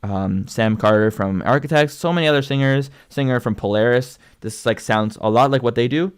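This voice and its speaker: Brisk and smooth, a mid-range male voice with a Canadian accent carries this casual livestream commentary. The young singer and channel host wanders through thoughts on his own vocal development, leaning heavily on "like" and "um."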